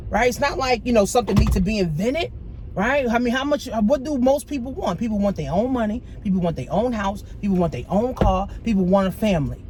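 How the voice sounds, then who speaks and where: A woman's voice: fairly high pitch, darkish tone. A woman money coach giving a motivational vlog talk, emphatic, repetitive and slangy, with a preachy edge. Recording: clear traffic noise behind.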